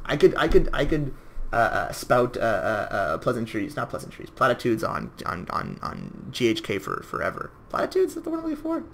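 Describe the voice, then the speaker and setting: Young man, rapid game commentary, bright forceful voice, rambling and jokey, faint hiss behind. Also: mid-range voice. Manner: rambling, jokey, self-mocking asides. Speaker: gameplay commentator. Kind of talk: casual gameplay commentary.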